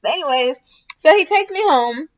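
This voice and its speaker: A young woman vlogger telling a casual storytime, animated and slangy, swearing often and talking straight to her viewers. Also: high-pitched, normal speed. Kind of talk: casual storytime while doing a wig install.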